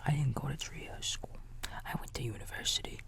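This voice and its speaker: In a soft, breathy whisper, a man gently and soothingly reads a bedtime story like a big-brother babysitter, tossing in casual asides. His voice is mid-range and his pace fairly quick.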